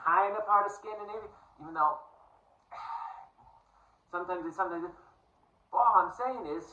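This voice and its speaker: A man's voice: sits high, measured pace, roomy sound, recorded from a distance, dull audio. A man from the United States, talking to camera in a casual, digressive and earnest monologue. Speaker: vlogger.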